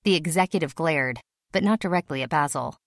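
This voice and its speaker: A woman narrating a story in a steady, even reading voice. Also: low voice, fairly quick, no room sound, studio quality. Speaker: audiobook narrator. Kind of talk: scripted narration.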